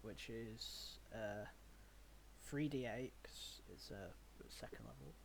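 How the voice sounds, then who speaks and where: A man's voice: fairly low pitch, lively intonation, takes it slowly, creaky, slight background noise. A young man running a tabletop game as game master, narrating in a rambling way with many fillers. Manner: rambling, filler-heavy, laughs at his own narration.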